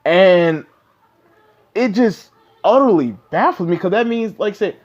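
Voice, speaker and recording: A man's voice: high voice, lively intonation, unhurried, muffled recording. A man casually reviewing a manga chapter, talking loosely with many fillers and repeated asides to the listener. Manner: loose and conversational, lots of fillers and 'you know what I'm saying'.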